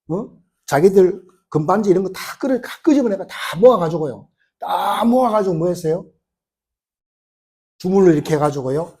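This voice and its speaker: A male pastor preaching, his voice set high and swinging widely up and down. He keeps firing rhetorical questions and retelling stories in homely, colloquial words, with a mellow, dark tone underneath. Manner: colloquial storytelling, retelling scenes. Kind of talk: sermon.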